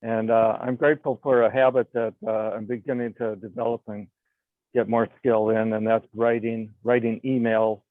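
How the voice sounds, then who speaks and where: Halting man on a tinny line. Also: lowish voice, flat delivery, no echo. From Wisconsin, US. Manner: halting, many uh fillers. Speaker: call participant. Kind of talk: casual sharing on a video call. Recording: tinny phone-like dry call audio.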